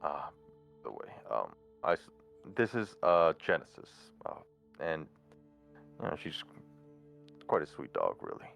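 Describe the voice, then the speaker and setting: A man's voice: very deep voice, very animated, a little slow, vocal fry, pauses often, muffled recording, faint music behind. A man running a tabletop role-playing game on stream, talking casually with many fillers and the odd swear. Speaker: game master.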